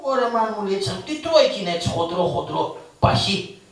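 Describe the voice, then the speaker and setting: A man's voice: high voice, sing-song, vocal fry, heavily acted. A man voicing a poor, cowardly, joking male trickster of shadow theatre, who stammers and babbles in fear on a live stage. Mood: puzzled joking. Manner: fearful comic babbling, stammers, calls on his mother. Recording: echoey live stage from a distance.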